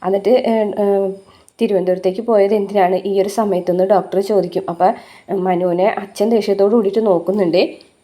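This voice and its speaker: A woman's voice: mid-range voice, steady tone, a little fast, warm tone. A woman casually recapping a TV serial episode, chatty and full of fillers. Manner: chatty retelling with frequent "uh" fillers.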